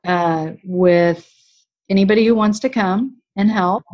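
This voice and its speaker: In a slightly dull lo-fi recording, a middle-aged woman speaks unhurriedly at medium pitch. She is a parent who co-founded a charity, appearing as a guest in a casual interview and illustrating her points with examples.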